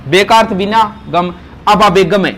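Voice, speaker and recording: A man's voice: high-pitched, normal speed, a bit bright. A male teacher, giving a grammar lesson to a class, asking questions and stressing words.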